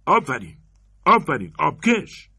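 A man's voice: fairly low pitch, wildly swooping pitch, slightly rough, pitched above the performer's own voice, exaggerated voice. A man voicing a sarcastic, sour middle-aged male critic who mocks everyone around him. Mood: mocking. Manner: sarcastic, mocking.

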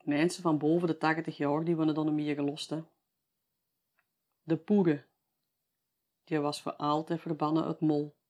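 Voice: medium pitch, little pitch movement, moderate pace, pauses often, darkish tone. Brief: Flemish-accented local storyteller, folksy oral telling, conversational tags at the end of lines. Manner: chatty, tags sentences with "hè".

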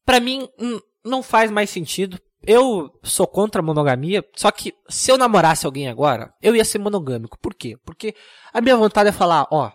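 A young man hosting a comedic solo podcast, rambling and mocking himself in a deadpan way. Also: high-pitched, moderate pace. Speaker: podcast host.

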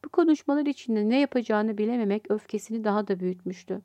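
A woman, the story's author, reading her short story aloud in a calm, even storytelling manner. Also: medium pitch, fast, no room sound, highs cut off. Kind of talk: storybook narration.

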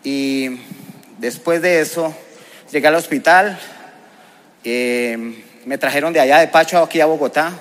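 A man's voice: a little high, unhurried, long pauses, a bit bright. A man with a Colombian accent giving a personal testimony as a preacher, telling it vividly and with emotion. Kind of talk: testimony sermon.

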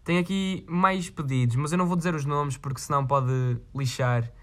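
A man with a European Portuguese accent and a slightly high voice, rambling through viewer requests in a loose, slang-heavy chat. He swears freely and keeps drifting from one thought to the next, like a casual vlog to his followers. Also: fairly even intonation, moderate pace. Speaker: vlogger.

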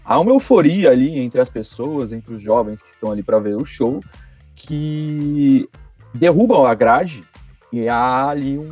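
A Brazilian man hosts a music and news podcast in a mid-pitched voice. He talks casually, with plenty of informal street slang, over background music. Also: a little mellow, slightly rough. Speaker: podcast host.

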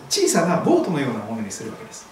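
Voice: medium pitch, wildly swooping pitch, very fast, darkish tone, slight background noise. A pastor giving a sermon, telling a scripture story vividly. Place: church hall. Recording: very echoey hall, voice far from mic.

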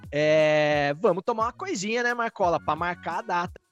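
High-voiced animated podcast host, man. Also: normal speed, muffled recording, faint music behind. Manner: animated, joking, many restarts. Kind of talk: casual chat.

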